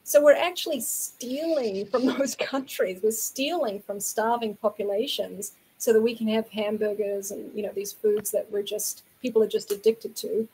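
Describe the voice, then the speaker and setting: A woman's voice: mid-range voice, steady tone, moderate pace, few pauses, darkish tone, poor audio. A woman with a New Zealand accent, a guest in an interview, explaining her views earnestly in long flowing sentences. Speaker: guest from a vegan community. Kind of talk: casual interview talk.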